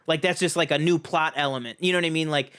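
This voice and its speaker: A man's voice: on the high side, fairly even intonation, fast talker, a bit bright, clear, resonant tone. A man co-hosting a casual film review podcast, laying out his theories with lots of ums and you-knows. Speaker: podcast co-host.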